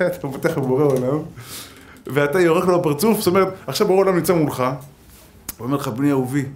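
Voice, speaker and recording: A man's voice: medium pitch, slight background noise. A man, a rabbi giving a Torah lesson, telling stories with acted-out quotes and jokes.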